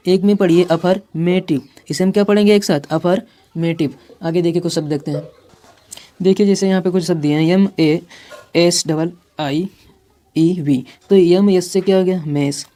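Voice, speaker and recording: Woman phonics teacher, deep mellow voice, patient and repetitive. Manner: patient, repetitive, slow sounding-out of words. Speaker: English teacher. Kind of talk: spoken phonics lesson.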